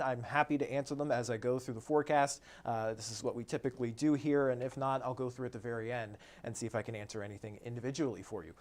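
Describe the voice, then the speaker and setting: Easygoing male meteorologist streaming a forecast. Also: mid-range voice. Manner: conversational, easygoing, frequent "uh" fillers. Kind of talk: live-streamed weather forecast.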